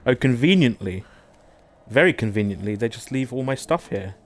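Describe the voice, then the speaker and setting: A man's voice: mid-range voice, animated, moderate pace, slight background noise. A man hosting a gaming show, giving casual, rambling gameplay commentary in a chatty, self-deprecating way.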